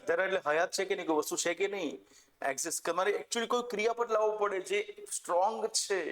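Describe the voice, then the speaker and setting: A man with a Gujarati accent teaching an English class for exam coaching, animated and direct, often checking with the class. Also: fairly high pitch. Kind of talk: classroom lecture.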